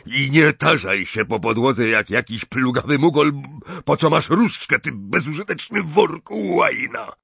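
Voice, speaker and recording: A man voicing a coarse, furious old father who shouts and sneers. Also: medium pitch, animated, unhurried, creaky, few pauses, husky, dry recording, voice pushed up, heavily acted. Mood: enraged. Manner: shouting, snarling, mocking.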